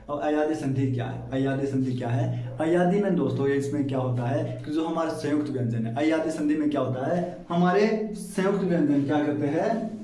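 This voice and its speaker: A man's voice: on the high side, darkish tone. Echoey teacher, man quizzing his class. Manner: asks questions and answers them himself, addresses students as friends. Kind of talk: classroom grammar lesson. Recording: echoey room, mic at a distance.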